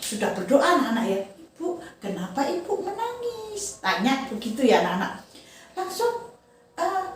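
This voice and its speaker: A woman Sunday school teacher, animatedly telling a Bible story to children and often checking in with them. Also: sits high. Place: church room. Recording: echoey room, far from mic.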